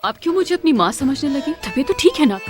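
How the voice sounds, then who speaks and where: Woman dubbing a middle-aged mother, TV drama, cool and questioning, high voice, faint music. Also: sing-song, fast talker. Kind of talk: dubbed TV drama.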